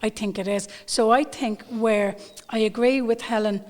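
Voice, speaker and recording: An animated woman from Ireland talks as a tour guide on a panel and leans hard on key words. She is recorded in a large old brewery room, and the sound has a long, echoing reverb. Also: a little high, normal speed. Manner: animated, emphatic, repeats for stress. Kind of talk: panel discussion.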